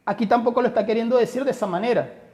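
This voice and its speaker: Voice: mid-range voice, very fast, darkish tone. A Bible teacher giving a study lecture, emphatic and full of rhetorical questions, often addressing listeners as brother. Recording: long hall reverb.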